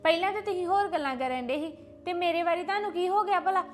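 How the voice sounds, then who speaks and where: A woman playing a sharp-tongued young sister-in-law. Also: very high-pitched, soft background music. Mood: indignant. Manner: fast, sharp and retorting. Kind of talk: family drama acting.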